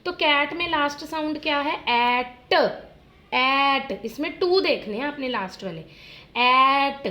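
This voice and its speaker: A woman teacher giving a phonics lesson to young children, sounding out rhyming words slowly and repeating them in drills. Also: sits high, expressive, bright, forceful tone, roomy sound. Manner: slow, drawn-out word drills addressed to children as "beta". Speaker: primary school teacher.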